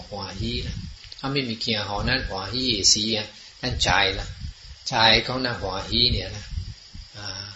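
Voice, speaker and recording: A man talking casually and at length, rambling along with many fillers and switching between languages. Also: lowish voice. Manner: rambling, mixes in Chinese and English words, many "ah" fillers. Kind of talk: casual explanatory talk. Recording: muffled, roomy, noisy recording.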